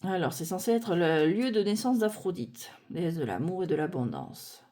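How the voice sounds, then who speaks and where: A French-speaking woman with a lowish, sing-song, mellow voice goes through a tarot deck card by card in a casual way. She is unhurried and thinks aloud, full of fillers, restarts and self-corrections.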